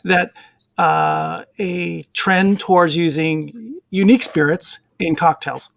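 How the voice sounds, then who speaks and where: A man's voice: fairly high pitch, takes it slowly, vocal fry, a bit bright. A man hosting a casual live online chat, asking rambling questions that he corrects as he goes. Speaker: show host.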